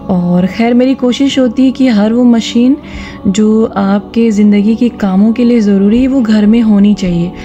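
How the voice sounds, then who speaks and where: A vlogger from India narrates a vlog voice-over, giving her viewers gentle religious advice in an instructive, direct way. Her mid-range voice is warm, though the highs are cut off.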